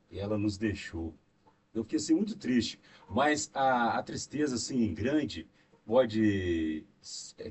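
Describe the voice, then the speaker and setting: Man, Brazilian accent, low voice, devout rambling talk, many fillers, distant mic, faint noise. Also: a little mellow. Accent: Brazilian Portuguese. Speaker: podcast co-host. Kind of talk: devout casual conversation.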